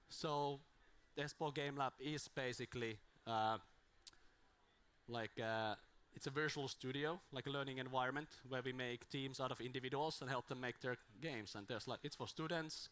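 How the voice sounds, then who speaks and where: His voice, smooth and fairly bright at an ordinary middle pitch, is worn from days of talking. Holding a mic at a small conference, he gives an informal talk that drifts, restarts, and slips in dry self-deprecating remarks.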